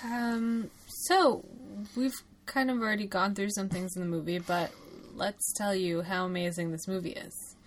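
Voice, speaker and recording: A young-sounding woman talks casually about a film she just watched, her speech full of fillers and quick laughs. A faint hum of ambient noise sits behind her voice. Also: mid-range voice, fairly even intonation. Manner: chatty, lots of fillers and laughs. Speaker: podcast co-host. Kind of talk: casual chat about a movie.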